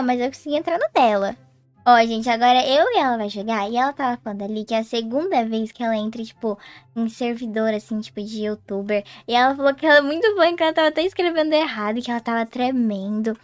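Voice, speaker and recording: A woman's voice: a little high, no echo. A young Brazilian woman with a Brazilian Portuguese accent, chatting casually to viewers as she plays a game, with sing-song greetings. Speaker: gaming YouTuber. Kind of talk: casual gameplay commentary.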